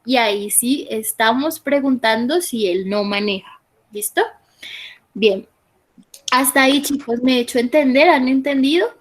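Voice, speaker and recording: A woman teacher with a fairly high voice takes an online class through student sentences one by one. She talks slowly and patiently, explaining each correction and pausing to check that everyone follows. The sound comes through a computer mic on a video call. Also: low-quality recording. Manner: patient, explanatory, repeats "¿listo?" to check understanding. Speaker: English teacher.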